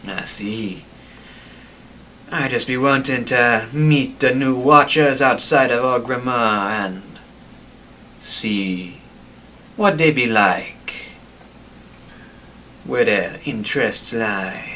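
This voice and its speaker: A man's voice: mid-range voice, slow pace, long pauses, sharp tone, slight background noise. A man voicing a sly, courteous troll leader in a tabletop role-play. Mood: measured, probing.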